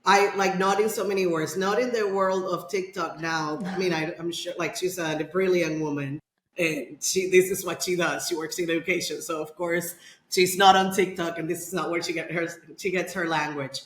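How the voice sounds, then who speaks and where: A middle-aged Dominican woman speaks at normal speed in a fairly low voice with fairly even intonation, amid slight background noise and an echoey room. As a podcast guest she tells a casual personal story, rambling and restarting with many fillers.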